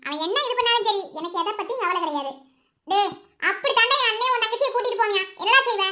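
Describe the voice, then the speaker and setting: A woman voicing a bold, sharp-tongued young village woman in an animated cartoon, scolding in a Madurai Tamil accent. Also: very high-pitched. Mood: defiant. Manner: scolding, fast, defiant.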